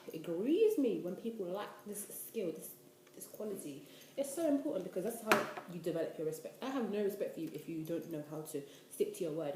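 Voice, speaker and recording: A woman's voice: on the low side, dark tone, a little hiss or hum. A twenty-year-old woman, rambling casually to the camera in a vlog, full of "like". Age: 20s. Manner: chatty, rambling, lots of "like". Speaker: vlogger. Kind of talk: casual talking-head vlog. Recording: echoey room.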